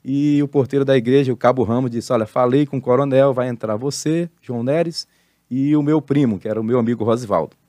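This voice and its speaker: A man's voice: medium pitch, fairly quick, no room sound. An older man from Brazil recounts his life as a pastor and former marine. He tells it at an easy interview pace but lands the key lines like a preacher. The sound is close and dry, with no room around it. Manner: animated testimony, preacherly emphasis. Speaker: pastor and retired marine, guest. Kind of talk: casual interview storytelling.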